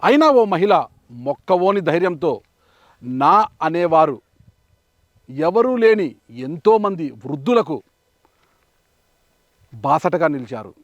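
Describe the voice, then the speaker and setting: Middle-aged guy hosting a field interview, kinda high voice, soft consoling way of talking. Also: no room sound. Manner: gentle, consoling, measured delivery. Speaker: journalist host. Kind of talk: field interview and report narration.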